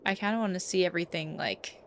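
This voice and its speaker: A woman's voice: lowish voice, quick pace, slight background noise. A woman playing a game in a casual way, thinking aloud and muttering to herself. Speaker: game player. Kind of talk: casual play-through with reading aloud. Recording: music behind the voice.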